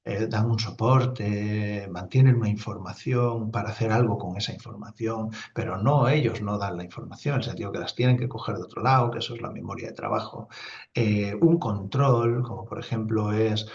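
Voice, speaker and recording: A man's voice: fairly low pitch, moderate pace, vocal fry, darkish tone. Lecturing man. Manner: explanatory, many fillers and asides. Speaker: neuropsychology lecturer. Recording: dull lo-fi recording.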